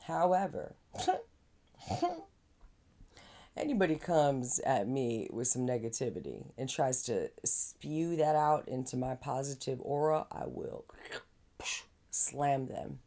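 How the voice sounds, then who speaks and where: A woman's voice: extremely low pitch, expressive, a little slow, dark tone. A woman giving rambling, slangy self-help advice in a casual vlog, chatty and full of asides. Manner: rambling and slangy, says man and dude; chatty with frequent fillers and laughs. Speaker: vlogger.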